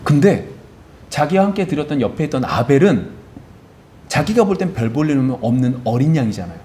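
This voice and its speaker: A male pastor delivers a sermon in a church, his voice sitting a touch high and swinging widely up and down. He peppers the congregation with questions and answers them himself. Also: brisk. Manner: animated, asks the congregation rhetorical questions; acts out biblical characters in quoted voices. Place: church sanctuary.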